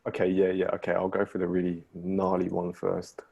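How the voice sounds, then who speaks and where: A man who is a nervous spoken word poet at an online open mic, speaking in a slightly husky voice. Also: low voice, completely flat delivery, brisk, dark tone, muffled recording. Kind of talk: spoken word poetry and casual chat between poems. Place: online virtual open mic over video call.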